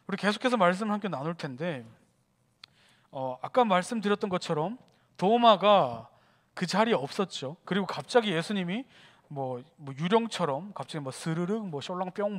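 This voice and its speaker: A youth pastor giving a sermon in a church sanctuary, lively and conversational, acting out scenes as he talks. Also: high-pitched. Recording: long church hall reverb.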